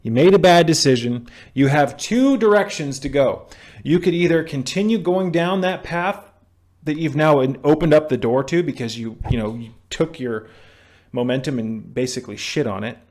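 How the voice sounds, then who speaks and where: A man's voice: on the high side, moderate pace, darkish tone. A young man talking straight to his camera about staying sober, blunt and preachy, with frequent restarts and the odd swear word. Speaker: vlogger on sobriety. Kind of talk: direct-to-camera self-help talk. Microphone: camera mic.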